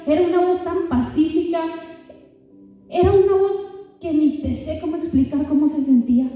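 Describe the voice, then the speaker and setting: A young woman giving an emotional spoken testimony to a youth group, talking earnestly and directly to her listeners, often halting and repeating words. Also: sits high, mellow. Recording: echoey hall from far off.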